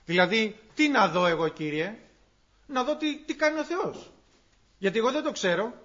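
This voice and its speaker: A man with a notably high voice delivers a sermon, earnest and explanatory, pausing often as he works through scripture. The recording is dull and lo-fi. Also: lively intonation, a bit bright. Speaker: preacher.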